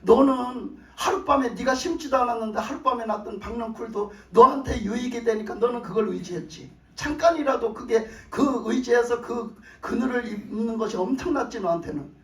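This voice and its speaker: A man voicing God as a patient, loving father who gently coaxes, in an echoey hall. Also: very high voice, a little fast, few pauses. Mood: tender. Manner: gentle, coaxing pleas. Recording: echoey church hall from a distance.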